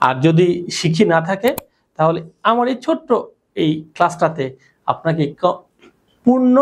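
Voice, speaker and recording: A woman teaching pronunciation in class, drilling her students with repeated questions and call-and-response. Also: low voice. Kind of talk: classroom lesson.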